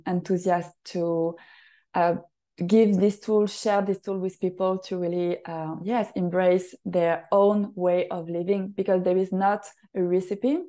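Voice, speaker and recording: Woman host, French accent, mellow tone, earnest halting delivery. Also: fairly low pitch. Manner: earnest, halting, repeats a rapid formula. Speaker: podcast host and facilitator. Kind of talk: solo podcast talk.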